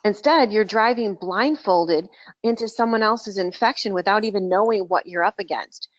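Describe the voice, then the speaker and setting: A woman's voice: medium pitch, normal speed, no echo. A woman on a group voice call, talking as a coach for dental practices. She is emphatic and outspoken. Her voice comes through muffled, lo-fi and very dry, with no room sound behind it. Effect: heard over a group voice call. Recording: dull lo-fi call audio.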